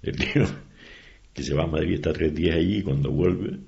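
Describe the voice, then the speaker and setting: A man's voice: very deep voice, brisk, creaky. An older man, telling stories in an interview and acting out the voices of the people he quotes. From Canary Islands. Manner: animated storyteller, acts out quoted voices. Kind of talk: conversational interview. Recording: dull lo-fi recording.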